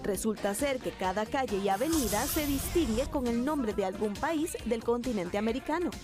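A woman's voice: fairly high pitch, normal speed. Woman's news voice-over. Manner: smooth, steady voice-over delivery. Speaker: TV reporter narrator. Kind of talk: scripted news narration. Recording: voice-over with music bed.

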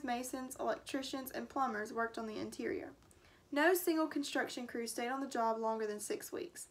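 Teacher lady reading a kids' book out loud, high bright voice, lots of expression. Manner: expressive, acts out character lines. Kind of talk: storybook read-aloud. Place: home.

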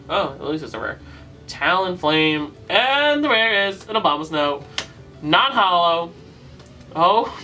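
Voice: medium pitch, pushed and bright, recorded from a distance. A YouTube host opening card packs in casual commentary, listing card names one by one and groaning at weak pulls.

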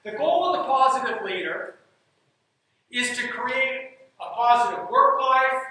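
This is a stage talk on leadership and coaching, given by a man in a very high-pitched, sharp voice who often repeats his key phrases with emphasis. He stands on a dark stage in a large hall, and the recording is echoey and distant.

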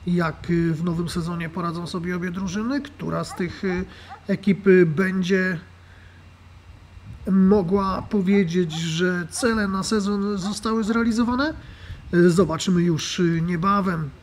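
A man's voice: high-pitched, steady tone, measured pace, slight background noise. A man narrating a voice-over report on a football friendly, with frequent "e" fillers. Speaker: sports commentator.

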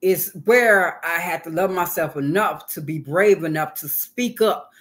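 A woman's voice: fairly low pitch, unhurried. A woman guest on an interview show, talking casually and earnestly, repeating phrases for emphasis. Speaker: guest, hip hop artist and author.

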